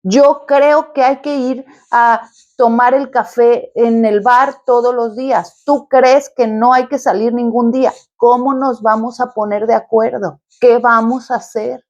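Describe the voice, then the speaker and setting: A woman's voice: on the high side, steady tone, a little slow, darkish tone, dull audio. A woman therapist speaking straight to her viewers in an advice video, explaining step by step in an encouraging way. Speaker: quantum therapist.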